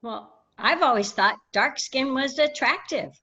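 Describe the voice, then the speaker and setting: An actress playing an earnest, heartfelt nursing-home worker. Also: female voice, high voice, animated, measured pace, sharp tone, lo-fi sound, heavily acted.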